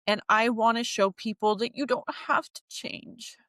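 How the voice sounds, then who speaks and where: A woman's voice: on the high side, a little slow, fairly bright tone, no room sound, clean studio sound. A woman speaking as a podcast guest in an emotional personal conversation, heartfelt and rambling, near tears at times.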